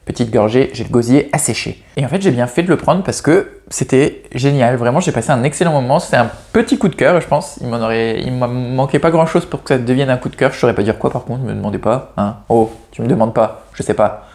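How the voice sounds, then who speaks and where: A man's voice: mid-range voice, fast, few pauses, a little mellow. Chatty, hesitant French-speaking man. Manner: hesitant, frequent restarts and self-corrections; chatty and self-mocking. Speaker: book reviewer. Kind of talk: casual chat about novels.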